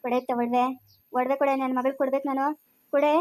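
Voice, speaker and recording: A woman voicing a wailing female ghost in a homemade comedy skit, moaning her lines in slow repetition. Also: sits high, level tone, very noisy, pitched below the performer's own voice, close to an everyday voice.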